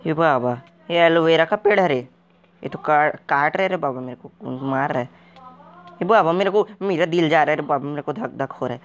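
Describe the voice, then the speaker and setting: Slightly high and natural, this man's voice is muffled in the recording. As a gaming video character, he plays a clueless, excitable, uneducated wanderer whose baffled, jittery, jumpy and naive commentary is comic, with a long "re baba" catchphrase finishing almost every line.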